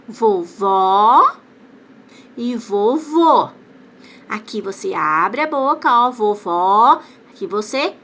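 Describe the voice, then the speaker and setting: A woman teacher giving a lesson for children, saying each word slowly and carefully. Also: on the high side, fairly bright tone, a little hiss or hum. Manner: slow, over-articulated words for children. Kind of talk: classroom lesson.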